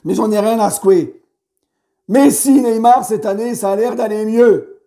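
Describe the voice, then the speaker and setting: A man with a hoarse voice giving a heated post-match debrief as a football fan, animated and swearing freely. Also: high voice, measured pace. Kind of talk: post-match vlog rant.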